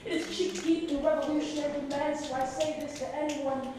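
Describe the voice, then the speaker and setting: A woman's voice: sits high, steady tone, fairly quick, darkish tone, slight background noise. A woman with a Canadian accent performing spoken word poetry at a slam, with a rhythmic, emphatic delivery that surges in intensity. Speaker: slam poet. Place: art gallery with seated audience, indoors. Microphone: far camera at the back of the room. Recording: echoey gallery from far off.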